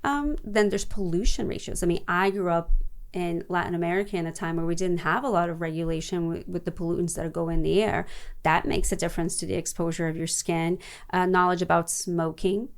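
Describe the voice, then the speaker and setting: Brazilian-born woman cohost, lowish voice, explains things calmly. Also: brisk, clean tone. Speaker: skincare clinician podcast co-host. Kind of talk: casual podcast chat.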